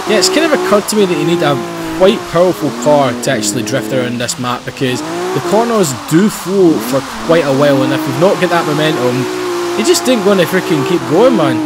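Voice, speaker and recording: A Scottish man hosting his channel, giving casual commentary on a driving game, excitable and swearing freely. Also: a little high. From Scotland. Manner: excitable, swears freely, loud outbursts and laughs while driving. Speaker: gaming channel host. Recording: loud game engine and tire noise behind voice. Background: racing game car engines and tire squeal.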